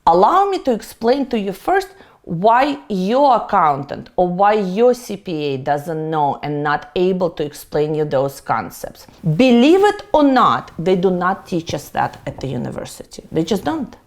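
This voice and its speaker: A woman's voice: fairly low pitch, sing-song, unhurried. A middle-aged woman from Russia with a Russian accent, a tax accountant giving a playful, emphatic lecture. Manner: playful, self-mocking, emphatic. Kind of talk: presenter lecture to camera.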